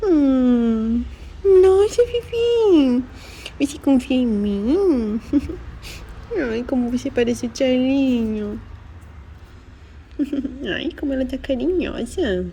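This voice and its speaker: A woman talking to cats outdoors in cooing, high-pitched baby talk full of diminutives. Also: slow pace, long pauses, dark tone, slight background noise. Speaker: vlogger with her cat.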